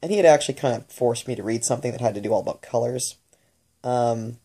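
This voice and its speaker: Halting woman with a mellow, dark tone. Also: rumbling low, slightly rough. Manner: halting, with many fillers and restarts; muses aloud, working through ideas as she speaks. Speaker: channeler recounting spirit messages. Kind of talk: unscripted spoken monologue.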